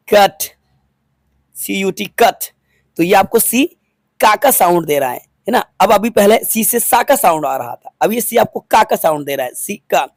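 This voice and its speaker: In a dry, studio-quality recording, a male English teacher with a high-pitched voice works through a phonics lesson. He spells each word patiently, letter by letter, and repeats every one for the students.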